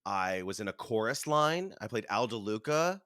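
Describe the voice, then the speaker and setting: Guy in his 30s on a podcast, low voice, chewing while he chats, dry close sound. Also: normal speed, clear, resonant tone, no room sound. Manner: animated storytelling, acts out voices, chuckles. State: chewing food while talking. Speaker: interview guest, Broadway performer. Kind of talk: casual conversational interview.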